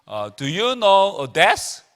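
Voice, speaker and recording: A man's voice: high voice, sing-song, very slow, a bit bright, voice pushed up, exaggerated voice. A man voicing the first man Adam, who speaks hesitant, stumbling English full of fillers. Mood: halting.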